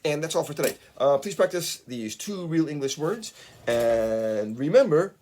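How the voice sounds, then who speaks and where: A man teaching a short bilingual English lesson from a small studio. He says model phrases slowly and clearly, then adds quick asides in Japanese. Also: on the high side, expressive, darkish tone.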